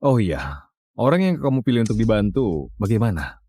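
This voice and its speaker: A man voicing a wealthy, controlling husband who talks briskly and gives orders in a dubbed drama. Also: fairly low pitch, sing-song, noisy background. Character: smooth, controlling rich husband, quick to irritation.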